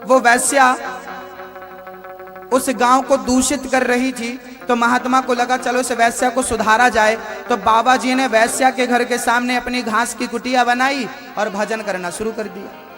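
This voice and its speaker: High-pitched Indian male preacher. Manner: rhetorical questions, repeats phrases for emphasis. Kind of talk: devotional sermon.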